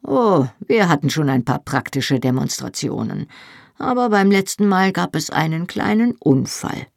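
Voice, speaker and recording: A reader playing a dry, joking grown man, an uncle with a deep voice, in an audiobook. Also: lively intonation, moderate pace, gravelly, no echo.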